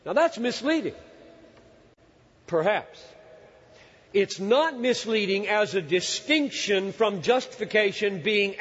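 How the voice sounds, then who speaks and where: A man in his sixties preaching a sermon in an earnest, emphatic way, often pausing to search for words. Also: high-pitched, slightly rough. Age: 60s. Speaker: pastor. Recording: dull hall recording with long reverb.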